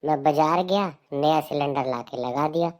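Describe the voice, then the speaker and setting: A man's voice: fairly high pitch, moderate pace, natural voice. A man voicing an exasperated husband who complains about his wife in a comic skit. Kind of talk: comic dialogue.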